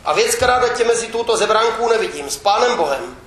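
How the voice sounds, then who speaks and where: A reader voicing a blunt, pious village farmwife who scolds loudly in Moravian dialect, in a roomy space. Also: female voice, a little high, animated, voice pushed up, lightly acted. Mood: scolding.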